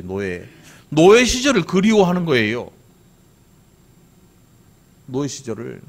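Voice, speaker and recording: Animated Korean pastor preaching. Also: male voice, on the high side. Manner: lively, conversational preaching with sudden loud and soft turns; asks the congregation questions, imitates regional dialects. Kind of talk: sermon.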